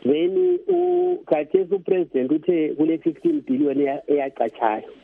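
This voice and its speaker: A man's voice: on the high side, sing-song, normal speed, gravelly, slightly rough. A man with a Zimbabwean Ndebele accent, close to Zulu, calling a radio phone-in over a telephone to give his political opinion. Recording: tinny, narrow phone line.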